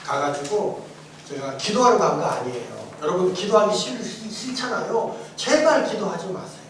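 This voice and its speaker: Male pastor, high voice, lively swings, testimony sermon, emphatic, booming church echo, distant mic. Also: moderate pace, slight background noise. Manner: animated and emphatic, swings from shouts to soft asides, often laughs. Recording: echoey church hall, mic far off.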